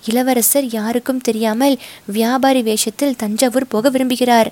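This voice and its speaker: A woman voicing a humble boatman who speaks in a hushed, pleading way. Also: a little high, fairly even intonation, normal speed, no echo, natural voice. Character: humble boatman, anxious husband.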